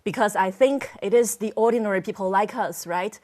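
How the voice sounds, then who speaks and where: A woman hosting a conversational podcast, speaking in a friendly, unhurried way with a few fillers. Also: mid-range voice, darkish tone. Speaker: podcast host.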